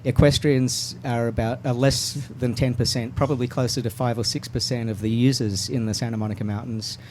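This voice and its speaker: A man of middle pitch talks on a radio show, setting out his points in a steady, explanatory way. He often restarts his sentences. A faint hiss sits under the studio audio. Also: a little fast. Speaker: mountain bike advocacy guest. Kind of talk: radio talk show interview.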